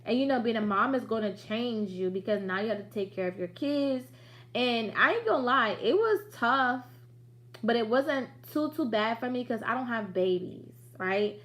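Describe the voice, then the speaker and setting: A woman's voice: fairly high pitch, lively intonation, normal speed, a bit bright. A woman in her late thirties hosting a business livestream in a chatty, direct, motivating way with slangy asides. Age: late 30s. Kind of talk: casual livestream talk.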